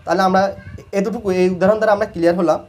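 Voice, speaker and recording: A man teaching English grammar as a lesson, slowly repeating each example word by word. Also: high voice, steady tone, darkish tone. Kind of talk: explaining grammar.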